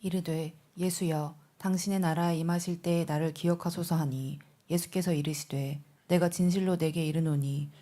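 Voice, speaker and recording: A woman reading scripture aloud during a church service in a measured, solemn way. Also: deep voice, steady tone, dark tone.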